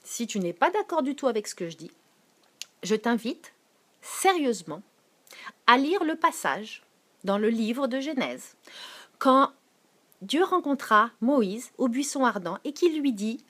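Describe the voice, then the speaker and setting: A woman with a Quebec French accent giving a casual, animated sermon, reading and answering viewers' comments as she goes. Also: measured pace, pauses often. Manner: animated, switching to soft low tones for scripture. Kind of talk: informal live-stream sermon.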